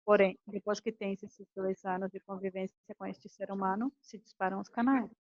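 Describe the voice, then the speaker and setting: In a class lecture on communication, a woman speaks at normal speed with a medium pitch, animatedly performing quoted arguments between couples. She is a communication coach, and the recording is dry with its high frequencies cut off.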